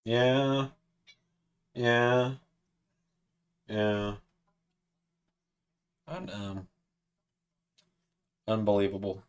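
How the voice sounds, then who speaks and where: A man's voice: on the low side, extremely slow, long pauses, clear, resonant tone. A man in his twenties chatting casually on a livestream, talking to his cat in a coaxing sing-song voice. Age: 20s. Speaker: streamer.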